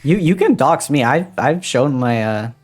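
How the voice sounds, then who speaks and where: A podcast co-host speaking in a giggly, halting way during casual chat. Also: medium pitch, expressive, darkish tone, faint music behind.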